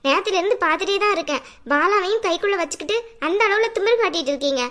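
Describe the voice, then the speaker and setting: Woman doing a shrill, scheming cartoon aunt. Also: rapid-fire, a bit bright. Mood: whiny, accusing. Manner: whiny and accusing, melodramatic. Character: scheming, sharp-tongued older female relative.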